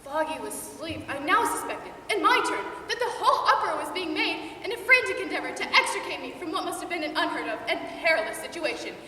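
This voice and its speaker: A young woman narrating a readers' theatre with lively storytelling. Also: extremely high pitch, quick pace, few pauses. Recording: echoey hall, far off, noisy.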